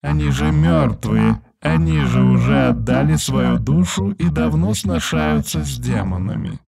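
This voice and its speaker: A man voicing a mocking demon that speaks through a young woman, slow and gloating. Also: mid-range voice, sing-song, gravelly, darkish tone, voice pushed up, heavily acted.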